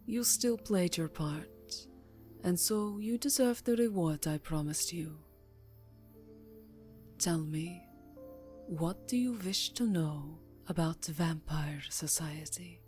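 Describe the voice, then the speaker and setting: A woman with a fairly low voice portrays a vampire countess, elegant and imperious yet tenderly seductive, for an intimate ASMR roleplay. Her formal, soft delivery is breathy and close-miked, often slipping into whispers.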